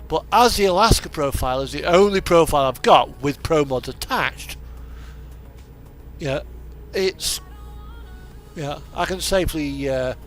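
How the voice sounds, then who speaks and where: This man's voice sits on the high side and is a bit bright, moving at a measured pace with long pauses. Hosting a truck simulator video, he gives casual, meandering gameplay commentary in a hesitant way while radio music and game audio run in the background.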